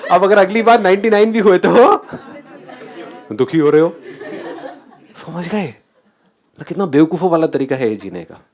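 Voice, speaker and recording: Man, motivational speaker, animated, high-ish lively voice, keeps quizzing the room. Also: moderate pace, long pauses, a faint crowd. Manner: animated, questions the audience often. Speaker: speaker addressing an audience. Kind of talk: motivational talk.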